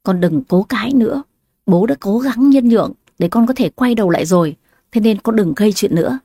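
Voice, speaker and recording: Brief: stern weary old father, dark dry tone, voiced by a woman narrator. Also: medium pitch, a little fast, slightly rough, no room sound. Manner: stern and firm.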